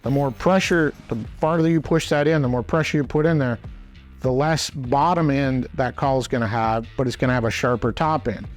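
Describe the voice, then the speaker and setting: Soft music plays behind this instructor, a hunting call expert whose medium-pitched voice moves at a normal speed. His teaching is practical and plain-spoken, taking things one step at a time in a relaxed demo style.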